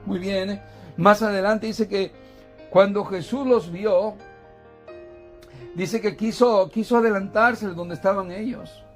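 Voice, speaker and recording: A man's voice: high voice, fairly even intonation, measured pace, pauses often, soft background music. A man preaching a sermon in a church, asking the congregation questions and calling them brothers, often repeating and restarting words as he teaches.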